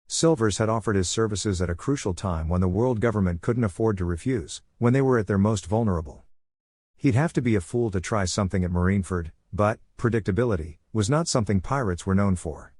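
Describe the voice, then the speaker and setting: A man narrating a fan-fiction story, reading in a steady, measured way. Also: on the low side, dry recording, studio quality.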